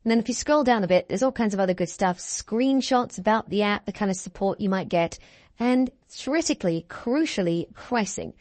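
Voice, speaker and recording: A woman's voice: medium pitch, expressive, moderate pace, darkish tone, no room sound. A woman instructor narrating a screen-share tutorial in an upbeat, reassuring way, walking through each step. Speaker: online course instructor.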